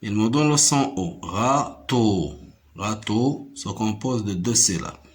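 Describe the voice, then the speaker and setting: A man teaching a lesson to young pupils. He repeats each word slowly, counts out its syllables and switches between French and Arabic to explain. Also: on the low side, lively intonation, a little mellow, a little hiss or hum. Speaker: primary school French teacher. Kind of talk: slow classroom-style lesson.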